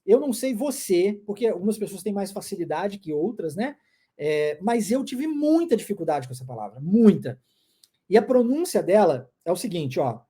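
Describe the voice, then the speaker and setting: A woman with a Minas Gerais accent leads a casual English lesson in a mellow, warm tone. Her pitch rises and falls widely as she chats playfully and stretches out words slowly for drilling. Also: very animated, slightly rough. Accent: Brazilian Portuguese, mineiro (Minas Gerais). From Minas Gerais, Brazil. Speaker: English teacher.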